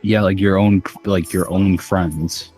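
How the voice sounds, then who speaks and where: Very deep-voiced young podcast host. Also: male voice, steady tone, slow, darkish tone, soft background music. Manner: crude, rambling with many fillers. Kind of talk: casual chat.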